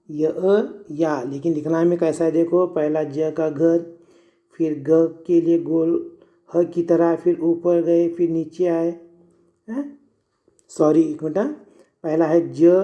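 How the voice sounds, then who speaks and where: A man teaches young children to read, patient and repetitive. He talks slowly and sounds out every word letter by letter. His voice is warm and mellow. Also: a little high, dull audio. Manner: sounds out words letter by letter, asks and answers own questions. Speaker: primary school Urdu teacher. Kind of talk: reading lesson for young children.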